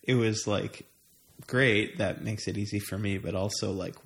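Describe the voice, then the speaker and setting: The speaker is an American man with a lowish, steady voice at a normal speed. He's chatting casually and sharing travel stories, hesitating as he thinks out loud.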